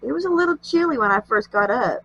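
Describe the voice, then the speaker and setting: A woman's voice: on the high side, animated, fast, fairly bright tone, slightly rough, lo-fi sound. A woman with a nasal, allergy-congested voice hosting a craft tutorial, chatting in a homey way as she works. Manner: chatty, homey, talks while working. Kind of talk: casual craft tutorial narration.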